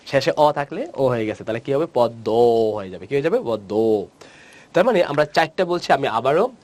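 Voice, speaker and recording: A male teacher gives a grammar lecture, repeating key points and quizzing students with quick questions. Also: medium pitch. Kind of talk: recorded Bangla grammar lecture.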